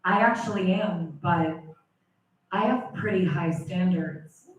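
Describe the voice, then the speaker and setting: A man's voice: high voice, takes it slowly, lo-fi sound, voice pushed down. A man voicing a powerful, demanding witch woman with a put-on accent and an imperious, cursing manner, heard live from a distance in an echoey room. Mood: coy.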